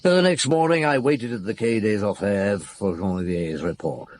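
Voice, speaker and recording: An actor playing a probing, reflective middle-aged French chief inspector in a radio drama, speaking in a hesitant, musing way. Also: male voice, fairly low pitch, normal speed, a little mellow, slight background noise, lightly acted. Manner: hesitant, musing, with murmured hums and questions. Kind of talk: radio drama dialogue and first-person narration.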